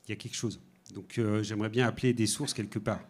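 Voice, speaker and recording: A man's voice: fairly low pitch, fairly even intonation, quick pace. A man from France co-presenting a conference talk, setting up each demo step with short leading questions.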